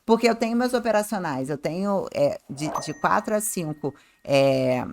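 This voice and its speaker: A woman's voice: fairly low pitch, animated, moderate pace, gravelly, a little hiss or hum. A woman with a Rio de Janeiro Brazilian accent and slightly tongue-tied diction, talking casually as a guest adviser on a podcast in a chatty, colloquial way. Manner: chatty, colloquial, acts out clients' remarks.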